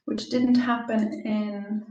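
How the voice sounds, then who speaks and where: A woman's voice: medium pitch, little pitch movement, slow pace, a little mellow, highs cut off. A middle-aged woman with a west of Ireland accent, giving an informal online presentation. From Galway, Ireland. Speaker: translator, guest speaker. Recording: roomy, echoey, distant microphone.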